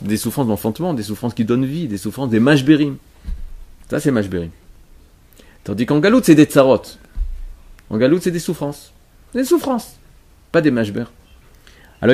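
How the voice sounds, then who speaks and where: A man teaching a religious lesson to a class, speaking emphatically, explaining as he goes and often repeating himself or restarting his phrases. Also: mid-range voice. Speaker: Torah teacher.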